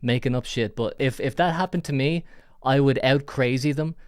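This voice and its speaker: Smooth-voiced man rambling on a phone. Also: medium pitch, normal speed, darkish tone, no echo, clean studio sound. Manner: rambling, exaggerated, stumbles over words. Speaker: host of a call-in show. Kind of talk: casual joking chat. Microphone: landline phone handset wired to a computer.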